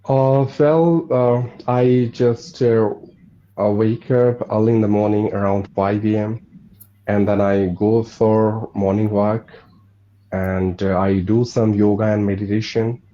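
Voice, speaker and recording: Hesitant low-voiced man, lo-fi. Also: steady tone, slow, dark tone. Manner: hesitant, many fillers. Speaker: channel host and learner. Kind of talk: conversation practice. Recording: dull lo-fi with faint noise.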